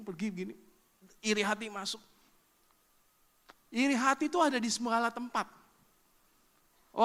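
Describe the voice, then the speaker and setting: A middle-aged man from Indonesia preaching a sermon as a pastor, animated and acting out everyday quarrels in changing voices. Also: high voice.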